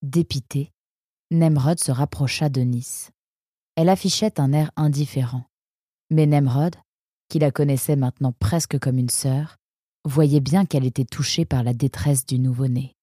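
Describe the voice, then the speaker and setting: Male storyteller, measured, steady, husky, mellow, dry close sound. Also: mid-range voice, no room sound. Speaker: narrator. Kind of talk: storybook reading.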